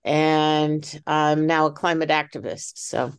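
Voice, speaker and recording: A woman's voice: low voice, steady tone, takes it slowly, smooth. A woman in her eighties giving a chatty, cheerful introduction on a video call. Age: 80s. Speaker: panel guest.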